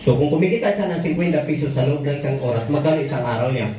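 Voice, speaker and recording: A man's voice: a little high, racing, a crowd in the background. A man telling a story to a live audience, playful and joking with his listeners between scenes. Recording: echoey, dull, from far off.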